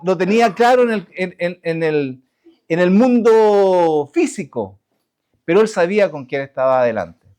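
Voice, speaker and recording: A man preaching a sermon to his congregation, halting with restarts and asking rhetorical questions. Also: sits high, a little mellow. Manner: halting, many restarts and fillers. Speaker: pastor.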